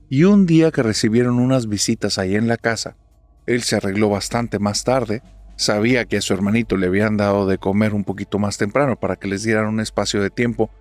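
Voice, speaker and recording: A man narrating a spoken horror story in a dramatic manner, dropping to a hush at tense moments. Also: lowish voice, no room sound. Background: faint music.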